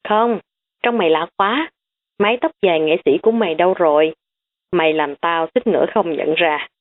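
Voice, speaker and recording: A woman's voice: fairly low pitch, moderate pace, lightly acted. A woman voicing a teasing, nosy young man chatting with his friend. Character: cheeky young male friend. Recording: tinny phone-like recording.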